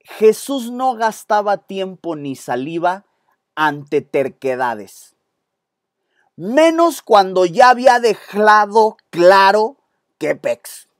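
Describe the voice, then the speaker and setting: A man's voice: high-pitched, takes it slowly, dry recording. Mexican pastor guy preaching hard, keeps making little side comments, dry close sound. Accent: Mexican Spanish. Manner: intense, animated preaching with asides to the audience. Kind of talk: sermon. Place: church set with stage lights.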